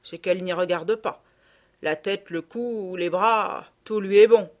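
A woman with a natural, medium-pitched voice reads at a measured pace as an audiobook's middle-aged peasant gardener, a character given to scolding and gossip in blunt rustic speech. The mood is gossiping.

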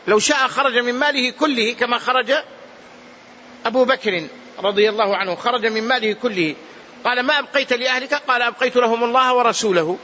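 A man's voice: very high-pitched, pushed and bright, lo-fi sound, slight background noise. A man teaching a mosque lesson on hadith as a sheikh, repeating key phrases for emphasis. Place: large mosque.

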